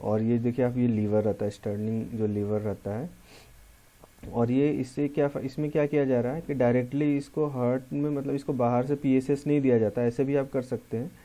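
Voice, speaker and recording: Dark-voiced Hindi-accented male lecturer. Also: mid-range voice, flat delivery, a little fast. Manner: explanatory, repeats key terms, mixes English terms into Hindi. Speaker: pharmacy lecturer. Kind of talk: classroom lecture walkthrough.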